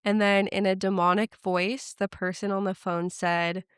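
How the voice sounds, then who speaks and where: Woman, podcast host, casual storytelling, smooth voice, mid pitch, dry sound. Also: flat delivery, moderate pace, no echo. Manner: chatty retelling with frequent "like" fillers.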